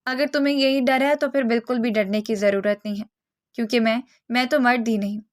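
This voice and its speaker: A woman voicing a soft-spoken young man. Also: on the high side, fairly even intonation, close to an everyday voice. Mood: gentle. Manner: soft, coaxing.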